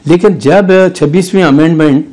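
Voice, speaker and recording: A man's voice: on the high side, normal speed, dark tone. An older man with a Pakistani Urdu accent, a lawyer guest arguing legal points in a studio news interview. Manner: argumentative, legalistic, with restarts.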